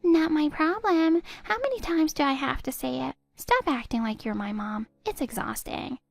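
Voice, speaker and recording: A woman's voice: high voice, lively intonation, normal speed, creaky, no echo. A woman voicing a sneering, spiteful twenty-something stepdaughter. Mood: scornful. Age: 20s. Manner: sneering, cutting, contemptuous. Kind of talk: text-story voice acting.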